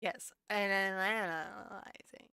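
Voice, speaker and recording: A woman hosting a casual recap podcast, chatty and quick to laugh. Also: mid-range voice, fairly even intonation, sharp tone, smooth, no echo, clean studio sound. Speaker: podcast host.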